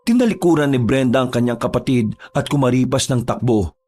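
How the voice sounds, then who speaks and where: A man giving steady, dramatic scripted narration of a horror story. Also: medium pitch, a little fast, faint music behind.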